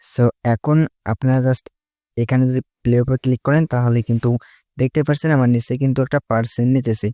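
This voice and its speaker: A tutorial host walks through a casual step-by-step guide in Bengali, dropping in English words and leaning on repeated linking phrases. His voice is medium-pitched and warm, with fairly even intonation and a fast pace. The recording is dry and clean, with studio quality.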